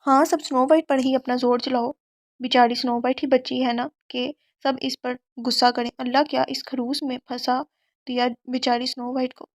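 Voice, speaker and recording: A childish young bride voiced by a woman narrator whines and daydreams aloud. The voice is high and steady. The sound is dry. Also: no echo. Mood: sulky. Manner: whiny and dreamy.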